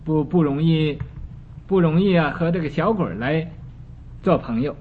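A man's voice: fairly high pitch, normal speed, natural voice. A man voicing an indignant, argumentative old male lawyer who protests and argues every point. The recording is dull and lo-fi with a faint hiss. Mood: protesting.

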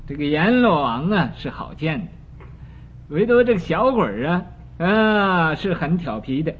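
A quarrelsome old lawyer, played by a man telling a story, protests and argues every point. The voice sits fairly high and the pace is slow. The sound is dull, with a faint hiss behind it. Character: indignant old male lawyer, argumentative.

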